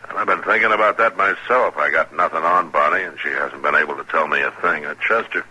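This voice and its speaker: An actor playing a stern, steadfast frontier marshal, terse and authoritative, in an old radio western. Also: male voice, a bass voice, quick pace. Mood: terse, guarded. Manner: terse, plain-spoken, authoritative. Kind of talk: 1950s radio western acting. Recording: noisy old radio recording with clicks.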